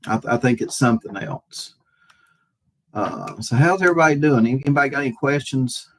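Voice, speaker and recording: A man with a husky, medium-pitched voice hosts a casual livestream, addressing viewers haltingly and hesitantly while repeating phrases.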